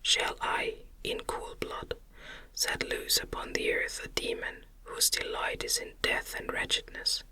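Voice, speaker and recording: In a breathy ASMR whisper, a narrator voices a defiant, resolute man confronting his monstrous creation in a gothic tale. The speech is firm, indignant and formal, delivered a little slowly, with a pushed, bright quality.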